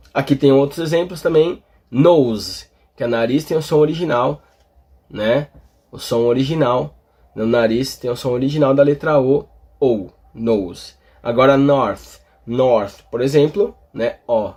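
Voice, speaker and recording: A Portuguese-speaking man explaining English vowel pronunciation, talking slowly with many fillers and tag questions. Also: medium pitch, darkish tone, slightly rough. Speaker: English teacher. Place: in front of a display board.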